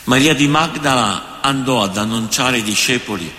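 A man reading a gospel passage aloud in a liturgy, in a slow, measured proclamation, recorded in a church. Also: mid-range voice, pushed and bright, a little hiss or hum. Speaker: priest. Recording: echoey church hall with faint ambience.

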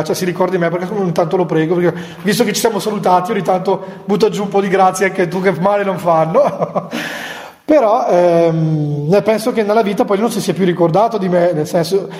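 High-voiced friar in an echoey hall. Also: male voice, a little fast, darkish tone. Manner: chatty, with humorous asides and chuckles. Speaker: Franciscan friar giving a retreat talk to nuns. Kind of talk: conversational spiritual talk. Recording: echoey hall with long reverb.

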